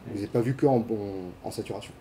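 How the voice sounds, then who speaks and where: In a lecture hall with slight background noise, a university lecturer talks very fast in a warm, steady, medium-pitched voice. His casual lecture is packed with fillers, restarts and questions for his students.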